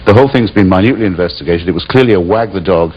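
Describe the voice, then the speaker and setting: A man speaking as a talk show panel guest, sardonic and cutting in a measured way. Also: deep voice, breathy edge, highs cut off. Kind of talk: heated political debate.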